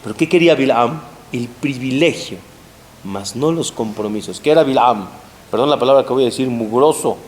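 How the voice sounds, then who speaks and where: A man's voice: medium pitch, fairly quick, a little mellow. A man giving a sermon as a rabbi to a live audience, telling stories with rising emphasis and rhetorical questions. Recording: roomy hall with faint hiss.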